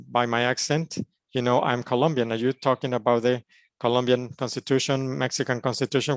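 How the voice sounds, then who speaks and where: Interpreting for a conference panel, a man delivers formal phrases in steady, short segments. His pitch is typical for a man, and the recording is dry and close, with no room sound.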